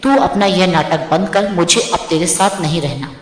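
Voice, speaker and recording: A woman's voice: lowish voice, moderate pace, natural voice. A woman voicing a bitter, stubborn elderly mother-in-law who scolds harshly in a storybook tale. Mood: angry scolding. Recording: roomy with long reverb.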